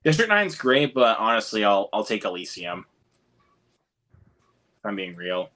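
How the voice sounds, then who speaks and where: Bright-voiced opinionated man talking films. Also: lowish voice, big pitch swings, measured pace. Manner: opinionated, repeats words. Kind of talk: casual film chat.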